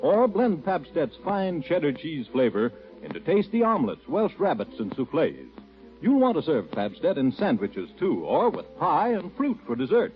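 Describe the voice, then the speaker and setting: A man giving a chipper, upbeat and emphatic sales pitch as an announcer in an old-time radio ad. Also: very animated, moderate pace, faint music behind. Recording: dull vintage radio recording.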